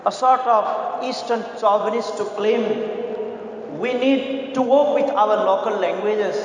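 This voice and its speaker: Echoing man at a podium. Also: sits high. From Nepal. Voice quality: measured, deliberate delivery with pauses. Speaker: panelist and literary critic. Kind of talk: formal conference speech. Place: large conference hall. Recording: very echoey hall, faint noise.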